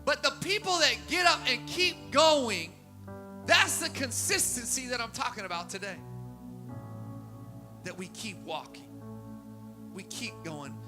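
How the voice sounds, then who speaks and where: A man preaching a sermon as pastor, repeating phrases in a steady cadence that swells into emphatic peaks. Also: very high-pitched, unhurried, pauses often, over music. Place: church sanctuary.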